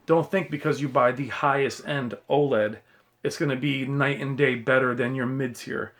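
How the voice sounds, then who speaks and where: A man's voice: mid-range voice, steady tone, normal speed, fairly bright tone. Blunt man in a rambling tech vlog. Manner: earnest cautionary advice, addressing viewers directly. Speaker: YouTube tech reviewer. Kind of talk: casual rambling opinion monologue. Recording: faint hiss in recording.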